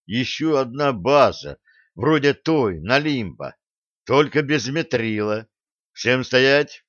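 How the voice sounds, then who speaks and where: A man voicing a commanding male pirate captain who speaks in a hushed, urgent whisper in an audiobook. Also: medium pitch, lively intonation, slow pace, no echo. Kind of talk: audiobook character voice. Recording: dull lo-fi audio.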